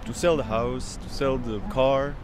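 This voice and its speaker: This oud player is in his thirties and a native Dutch speaker, giving a reflective documentary interview while groping for the right words. He has a mid-range, steady voice at a measured pace, and music plays behind him.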